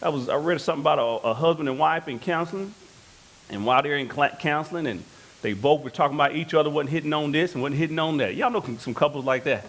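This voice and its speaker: High-voiced preacher. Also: male voice, fast talker, a bit bright. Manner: preaching with calls to the congregation, storytelling. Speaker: pastor. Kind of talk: sermon. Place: church.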